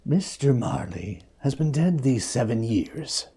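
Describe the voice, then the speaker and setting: A reader puts on a bitter old man, a miser from a storybook. He is stern and scornful, grumbling his words with a widely swinging, animated pitch. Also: a little slow, husky, exaggerated voice. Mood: cold. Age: older.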